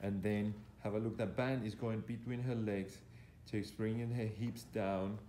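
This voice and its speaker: A man's voice: fairly low pitch, fairly even intonation, measured pace, mellow. Male fitness coach in an echoey gym. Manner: hesitant, repetitive, instructional. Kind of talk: live exercise demonstration commentary. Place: indoor gym. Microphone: handheld camera operated by the speaker. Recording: echoey room, faint background noise.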